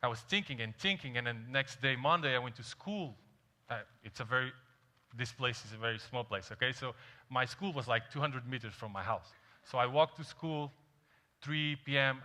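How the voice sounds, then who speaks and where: On a big dark stage with heavy hall echo, a young Azorean keynote speaker gives a lively conference talk. His medium-pitched voice is very bright and tense, and he tells stories animatedly while putting questions to the audience.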